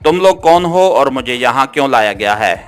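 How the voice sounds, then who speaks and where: A man voicing a captured young Swiss woman in an audiobook, firm at first and then begging, over soft background music. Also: mid-range voice, lively intonation, normal speed, clear, resonant tone, close to an everyday voice. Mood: defiant. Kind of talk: audiobook character reading.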